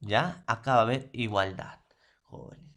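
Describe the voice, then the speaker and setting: A man's voice: mid-range voice, fairly bright tone. A man from Peru teaching a secondary school language lesson, sounding out words syllable by syllable and asking his students "ya?" and "no?" to check they follow. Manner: slow, syllable-by-syllable spelling out of words, with frequent "¿ya?" and "¿no?" checks; poses questions and answers them himself. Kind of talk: classroom lesson.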